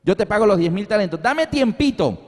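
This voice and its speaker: A man voicing a desperate male servant who begs his king for more time to pay. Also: very high voice. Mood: pleading. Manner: pleading, rushed. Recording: long hall reverb.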